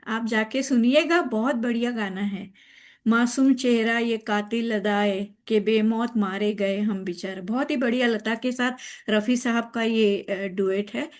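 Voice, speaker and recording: A woman hosting a music program, chatting casually with frequent pauses. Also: fairly high pitch. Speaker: show host.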